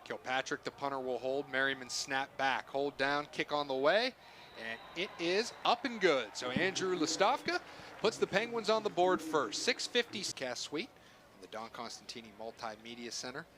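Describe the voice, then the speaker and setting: A male play-by-play announcer with a bright, forceful voice calls a football game live. He speaks in short phrases that track the action, with faint stadium noise behind him. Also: on the high side, expressive, normal speed. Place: stadium broadcast booth.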